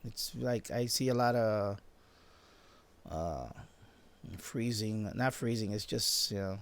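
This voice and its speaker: A fifty-year-old shortwave radio hobbyist, born in Puerto Rico and raised in the Bronx, hosts a live stream from his home basement. His fairly low voice moves slowly with a New York accent as he rambles informally and often repeats phrases.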